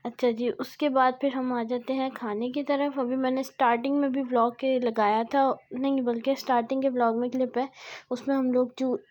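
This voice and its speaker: A woman's voice: high voice, little pitch movement, a little fast, hardly any pauses, a little mellow, slight background noise. A young adult woman chatting through a casual vlog voice-over, rambling and correcting herself as she goes. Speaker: vlogger.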